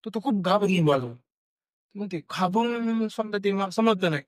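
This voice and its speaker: A young man with a Marathi accent, speaking a little high for a man and telling a spooky story in a halting, hesitant way. He uses many fillers and restarts, and he acts out the voices of the people in the story. The recording is dry and close, with no room sound. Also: no room sound. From India. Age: young adult. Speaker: guest storyteller. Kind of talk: casual podcast storytelling.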